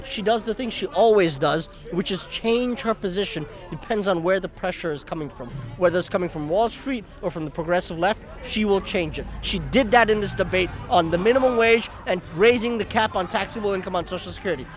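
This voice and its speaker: A man's voice: high voice, fairly quick, few pauses, faint music behind. A man born in Bangladesh and raised in Brooklyn, giving a detailed, critical view during a street interview. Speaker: voter.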